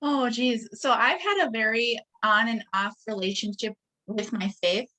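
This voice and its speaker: A guest entrepreneur in her late twenties from Wisconsin tells personal stories earnestly in an interview, often laughing and starting sentences over. Her voice is on the high side, bright and forceful, a little slow, and the recording is low quality.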